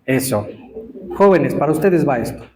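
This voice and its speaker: A man giving an interactive Torah teaching to a live congregation, quizzing listeners and stressing words slowly. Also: a little high, lively intonation, warm tone, a little hiss or hum.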